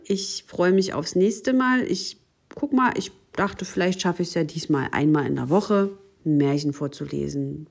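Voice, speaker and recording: A woman hosting a podcast, reading a fairy tale aloud at bedtime and speaking gently to a child listener. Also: deep voice, gravelly, husky.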